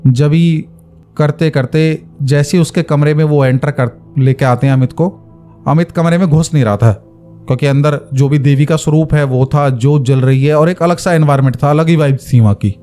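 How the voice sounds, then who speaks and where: A man's voice: fairly high pitch, moderate pace, mellow, soft background music. A man narrating a horror story in a casual, conversational way, stopping to explain with asides.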